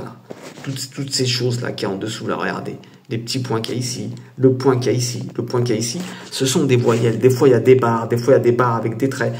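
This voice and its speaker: A man's voice: mid-range voice, darkish tone. A man teaching as a patient instructor, walking through a diagram step by step and often checking whether listeners follow. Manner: patient, explains step by step, many "d'accord?" check-ins. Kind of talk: casual teaching over a diagram.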